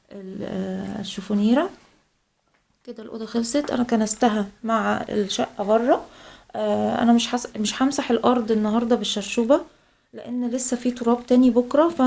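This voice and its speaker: A young Egyptian woman talks through her housework in a soft, tired voice full of sighs. Her somewhat high voice carries a gravelly fry, and she drifts along slowly with frequent pauses. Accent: Egyptian Arabic. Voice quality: tired, sighing. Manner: slow, soft-spoken, many filler pauses. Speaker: home vlogger. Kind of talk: casual vlog narration.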